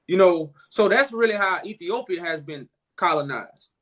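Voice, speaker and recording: A man's voice: high voice, animated, normal speed, a bit bright. A man hosting a live chat, preaching and explaining at length, calling the listener "brother man". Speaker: host.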